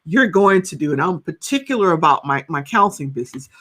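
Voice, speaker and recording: Speaking quickly in a low, slightly breathy voice, this fifties-aged counselor and coach recounts stories with animation during a podcast interview. She keeps tossing in a rhetorical "right?" to check in.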